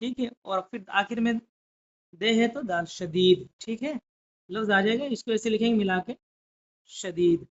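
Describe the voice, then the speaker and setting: A woman teaching an online language lesson, explaining letters and words slowly and deliberately, pausing often to check that students follow. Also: mid-range voice, lo-fi sound. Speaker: Urdu teacher. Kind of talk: classroom lesson.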